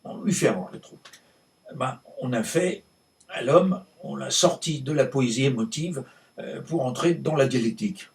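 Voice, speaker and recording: A male actor playing a cantankerous, world-weary French novelist in a hammy, halting, emphatic stage monologue with a gravelly voice. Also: mid-range voice, lightly acted. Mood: insistent. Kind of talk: theatrical monologue performed in a conversational ramble. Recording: distant microphone.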